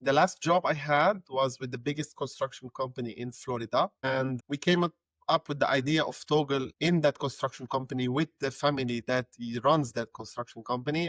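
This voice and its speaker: A man's voice: mid-range voice, normal speed, a bit bright, no room sound. Lebanese-born man talking conversationally. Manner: conversational, repeats words while thinking. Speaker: guest, head of growth. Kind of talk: casual interview talk.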